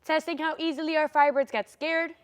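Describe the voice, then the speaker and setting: A woman's voice: sits high, steady tone, a little fast. A teenage girl co-anchoring a school news show, reading a script in an upbeat, pun-filled way. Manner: upbeat, pun-laden delivery.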